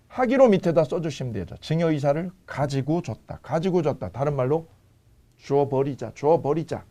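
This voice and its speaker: A man's voice: medium pitch, mellow. A man teaching a law lecture for exam prep, firing rhetorical questions and repeating key phrases.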